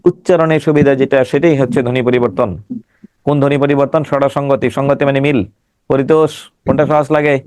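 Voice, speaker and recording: A man's voice: mid-range voice, flat delivery, brisk, darkish tone, clean tone, no room sound. A male teacher giving an online exam-prep class, emphatic, repeating words and sounding them out syllable by syllable.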